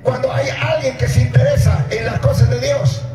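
A middle-aged man preaching at night on an outdoor stage, speaking into a handheld mic, calling out to the congregation and shouting at the peaks. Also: very high-pitched, fairly even intonation, normal speed, music in the background. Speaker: pastor. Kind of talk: open-air sermon. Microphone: handheld mic through PA, filmed from far. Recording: echoey PA sound from far off.

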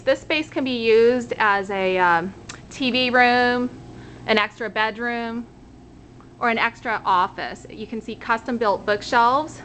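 A woman in her thirties with a bright, slightly high voice walks a camera through an empty condo, cheerfully pointing out features room by room. She sounds like an agent showing a rental, picked up by the handheld camera's own mic, with faint hiss underneath. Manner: upbeat, pointing things out room by room. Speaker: real estate agent. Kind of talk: walkthrough narration of a rental tour. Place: outdoors at a front door, then walking through an empty condo.

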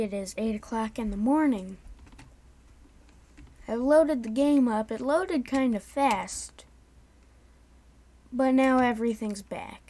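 A woman giving casual gameplay commentary in a sleepy monotone, having just woken up. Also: fairly high pitch. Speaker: gaming YouTuber.

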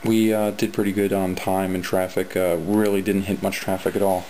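A man's voice: deep voice, flat delivery, normal speed, darkish tone, a little hiss or hum. A man giving a matter-of-fact voice-over recap of a road trip. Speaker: voice-over narrator. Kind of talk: recorded trip recap narration.

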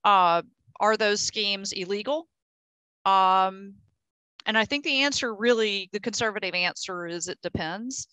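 A woman's voice: medium pitch, a little slow, pushed and bright, smooth, dry recording. A woman explaining technical points on a video call, thinking aloud with frequent restarts and fillers. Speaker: project engineer in a technical meeting. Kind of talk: casual technical discussion.

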